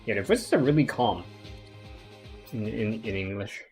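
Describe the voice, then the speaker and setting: A man streams a game with casual, rambling chatter, loaded with fillers and restarts. His voice sits lowish, expressive and a little mellow, moving at a normal speed over faint background music.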